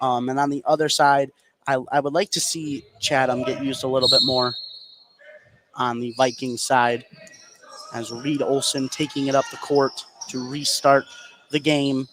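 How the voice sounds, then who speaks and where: Over the noisy ambience of a basketball game in a gym, a man calls live radio play-by-play in short, clipped phrases. His voice is mid-range, fairly flat in pitch, and a little slow.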